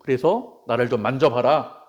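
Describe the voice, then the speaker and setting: A man voicing Jesus, a gentle figure coaxing a doubting disciple, in slow, drawn-out, gently insistent words during a sermon. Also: mid-range voice, highs cut off, close to an everyday voice.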